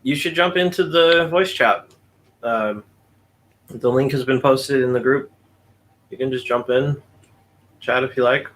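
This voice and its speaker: A man's voice: medium pitch, a bit bright. Chatty joking man hosting a stream. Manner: chatty, joking, quick asides. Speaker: stream host. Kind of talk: casual chat.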